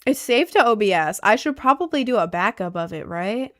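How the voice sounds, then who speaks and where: A woman's voice: medium pitch, lively intonation, a little fast, soft background music. A young woman from the United States chatting casually on a livestream at her home desk, rambling with lots of ums and likes. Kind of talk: casual stream chat.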